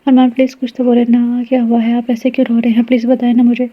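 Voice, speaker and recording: A gentle, anxious young wife, softly pleading, in a slightly high and very flat voice as a woman narrator reads her part. The sound is muffled and lo-fi. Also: close to an everyday voice. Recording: dull lo-fi recording.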